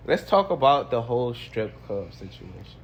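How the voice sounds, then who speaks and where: A man's voice: mid-range voice, very animated, normal speed, highs cut off, slight background noise. A man hosting a casual podcast, laid-back and profane, steering the conversation. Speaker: podcast host. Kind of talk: casual chat.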